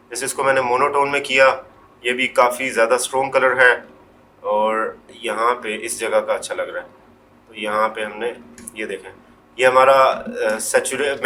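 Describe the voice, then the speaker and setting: A man presenting a screen-recorded Photoshop tutorial, explaining step by step in an unhurried way, often trailing off quietly and mixing English words into his Hindi. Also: medium pitch, a little hiss or hum.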